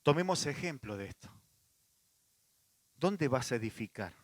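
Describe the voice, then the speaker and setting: A man's voice: mid-range voice, sing-song, measured pace, no echo. A male pastor with a Rioplatense Spanish accent, preaching a sermon in a conversational way, with frequent restarts and asides to the congregation.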